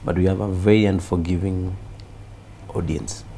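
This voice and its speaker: A Kenyan man with a Kenyan accent, a comedian chatting in an interview, animated and mixing in Swahili. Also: low-pitched, moderate pace, a little hiss or hum. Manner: animated, mixes Swahili, acts out quoted voices. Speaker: comedian guest. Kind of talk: casual interview chat.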